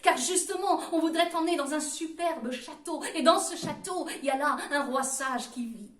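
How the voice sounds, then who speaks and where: A woman's voice: high-pitched, normal speed, recorded from a distance, voice pushed up, close to an everyday voice. A woman voicing an eager young male angel musician who coaxes his friends along. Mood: gentle. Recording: roomy sound from away from the mic.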